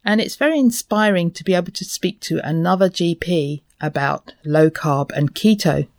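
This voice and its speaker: A woman's voice: lowish voice, normal speed, a little mellow. A woman hosting a podcast, introducing and questioning a guest. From Essex, England. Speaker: podcast host. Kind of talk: scripted introduction and interview hosting.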